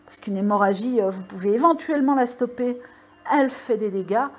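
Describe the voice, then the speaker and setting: A woman's voice: a little high, fairly quick, darkish tone, lo-fi sound. A woman hosting her own channel, talking casually to viewers into a microphone in a rambling way with lots of fillers and emphatic warnings. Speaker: video channel host. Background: computer mail alerts.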